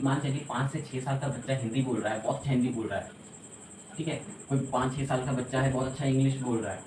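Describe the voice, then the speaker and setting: Fast-talking male teacher in an echoey room. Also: medium pitch, darkish tone, slight background noise. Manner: explains step by step with frequent "ठीक है?" checks. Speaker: English teacher. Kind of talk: classroom lecture.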